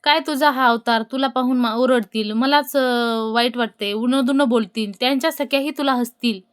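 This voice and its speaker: Nervous palace maidservant, played by a woman storyteller, high, a bit loud. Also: smooth, close to an everyday voice. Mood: anxious. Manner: questioning, hurried and worried.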